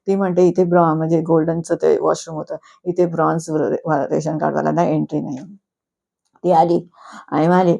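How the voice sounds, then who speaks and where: Low, gravelly woman recapping a show. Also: warm tone. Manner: retells quarrels, quoting contestants, laughing often. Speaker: reality show reviewer. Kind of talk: casual recap of a reality show episode.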